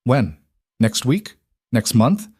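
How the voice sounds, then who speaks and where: A fierce, desperate young woman in the middle of a lovers' fight, as a male narrator puts her on, her pitch lifted well above his low register. She pleads and argues in a heated way. The narration is close to the mic in a dry, deadened room. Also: big pitch swings, takes it slowly, a little mellow, husky, dry recording, exaggerated voice.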